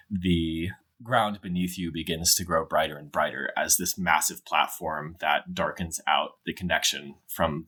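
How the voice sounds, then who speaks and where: A man's voice: low-pitched, bright, forceful tone, slightly rough. A man narrating scenes and answering players as game master. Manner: descriptive, easygoing narration.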